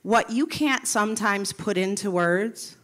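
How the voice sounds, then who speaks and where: A woman's voice: medium pitch, unhurried, fairly bright tone. Earnest woman telling her story on stage. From Milwaukee, USA. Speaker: public school music teacher. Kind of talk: short live talk on stage. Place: stage of a live talk event.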